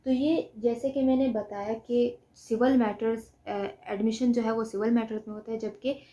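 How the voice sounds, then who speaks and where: The lo-fi recording captures a woman with a Pakistani accent whose high, mellow voice holds a steady tone at a moderate pace. She delivers a didactic law lecture mixing Hindi-Urdu and English legal terms, repeatedly raising questions and answering them herself.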